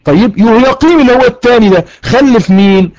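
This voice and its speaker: Man, Egyptian accent, online teacher, high voice, dull dry sound, slow verse reading, frequent questions to students. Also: darkish tone, dry recording. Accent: Egyptian Arabic. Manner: reads verses slowly, quizzes students often. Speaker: religious course teacher. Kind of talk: interactive online lesson.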